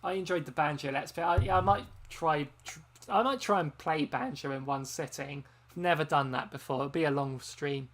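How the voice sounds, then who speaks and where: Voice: mid-range voice, normal speed, a bit bright. A host chatting casually on a long live stream, rambling with frequent ums and self-corrections, sounding tired from hours of talking. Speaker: game channel host.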